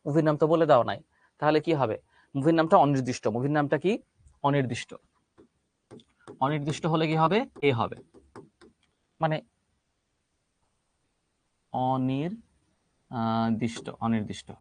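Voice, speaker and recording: A man's voice: mid-range voice, normal speed, long pauses, a little mellow. Patient man teaching English grammar. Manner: explains step by step, asks and answers his own questions. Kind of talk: online class teaching.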